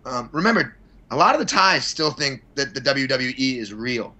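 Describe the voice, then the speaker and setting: Interviewed on a podcast, a male fight promoter chats animatedly at a moderate pace, his mid-range voice pushed and bright. He rambles, giving blunt, opinionated replies with a bit of mild profanity.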